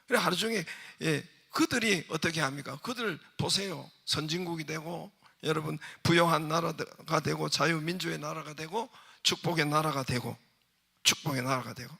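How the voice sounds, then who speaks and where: A man's voice: a little high, moderate pace, creaky, pushed and bright, breathy edge. A man preaching a Sunday sermon as pastor, emphatic and constantly putting rhetorical questions to the congregation. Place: church sanctuary.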